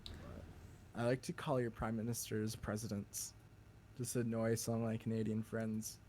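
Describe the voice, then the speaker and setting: A man's voice: lowish voice, little pitch movement, background noise. Rambling Minnesotan man, laughing a lot. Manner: rambling, laughs often, halting restarts. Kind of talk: casual chat.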